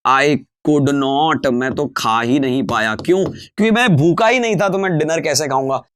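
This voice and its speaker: In an online lecture, a man teaches English grammar, explaining in Hindi, slowing down to read the English examples, and calling his viewers friends. His voice is on the high side and a bit bright, with big pitch swings.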